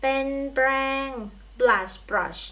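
A young woman, a beauty vlogger, chats casually and warmly at home by a window in natural light while walking through a makeup tutorial. Her mid-range voice is bright and forceful, with drawn-out words. Trains pass in the background.

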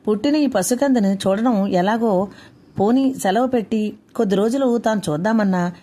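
A woman author narrating her own short story, reading in a plain, steady way. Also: mid-range voice, moderate pace.

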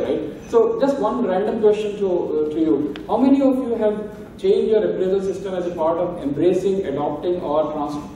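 A man's voice: high voice, dark tone, a little hiss or hum. Man giving a keynote in an echoey hall. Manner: conversational, emphatic, frequent "right?" tags. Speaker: keynote speaker. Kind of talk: conference keynote talk. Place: large conference hall. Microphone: handheld mic, recorded from far camera. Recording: echoey hall, distant and muffled.

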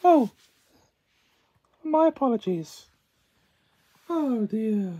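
A man voicing a polite, chatty young girl rag doll in an amateur puppet show, with quaint, deliberate phrasing. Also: extremely high pitch, expressive, dark tone, husky, full character voice. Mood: dreamy, apologetic.

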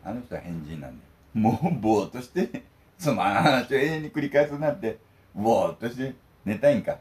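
A man's voice: mid-range voice, sing-song, brisk, darkish tone. A middle-aged man from Okinawa, hosting a food vlog and chatting casually while eating, telling wandering, jokey stories.

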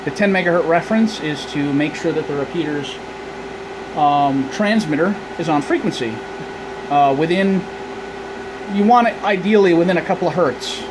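An amateur radio hobbyist gives a casual, hands-on tour of his equipment, explaining and thinking aloud as he goes, his voice pitched a little high. He holds the handheld camera or phone himself in a small indoor room filled with radio racks. Loud fan and ventilation noise runs through the recording.

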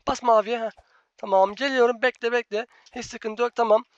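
Gamer host yelling colors at a teammate, bossy, fed up, dull dry lo-fi sound. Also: medium pitch, steady tone, fairly quick, dry recording. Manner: bossy, exasperated, repeating instructions to a teammate. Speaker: gaming channel host. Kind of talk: live gameplay commentary.

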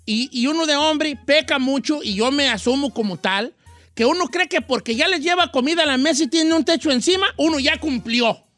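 A man's voice: very high-pitched, a little fast, sharp tone, no echo, soft background music. A middle-aged man with a Mexican Spanish accent, hosting a casual radio advice chat in a slangy, rambling, self-mocking way. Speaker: radio host.

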